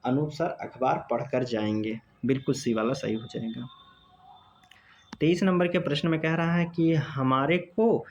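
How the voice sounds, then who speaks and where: A man teaching an exam-prep grammar lesson, reading each sentence and option aloud slowly and repeating it. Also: mid-range voice, a little mellow. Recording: dull lo-fi audio.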